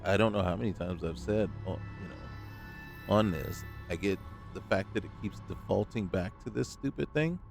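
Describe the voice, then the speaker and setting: A man's voice: low-pitched, normal speed, gravelly, a little mellow. A man hosting a let's play, ranting in exasperation and swearing at the game as he plays. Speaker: gaming channel host. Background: game music.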